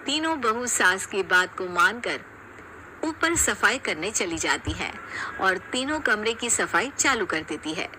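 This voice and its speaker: A woman narrating a cartoon story in a steady storytelling way. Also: mid-range voice, unhurried, slight background noise, poor audio.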